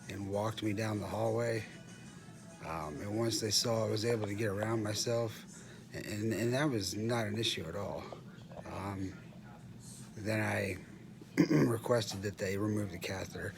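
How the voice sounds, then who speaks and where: A middle-aged man with a fairly low voice gives a casual vlog-style update on himself from a hospital room after surgery. He speaks haltingly and in a subdued way, often clearing his throat. Noticeable room noise surrounds him.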